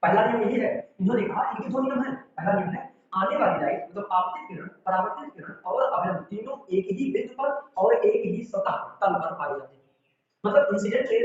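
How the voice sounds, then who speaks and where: A man teaching a physics lesson, explaining step by step and checking with students. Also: high-pitched. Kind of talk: classroom lecture. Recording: echoey room, far from the mic, dull sound.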